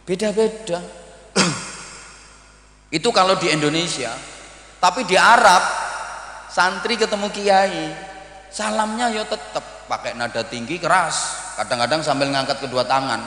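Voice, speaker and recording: East Javanese preacher in an echoing hall. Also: male voice, fairly high pitch, a little slow, long pauses. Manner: lively, acts out greetings in varied voices, mixes in Javanese. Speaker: Islamic preacher. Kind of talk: humorous sermon to boarding-school students. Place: large hall at a boarding-school event. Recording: echoey hall with long reverb.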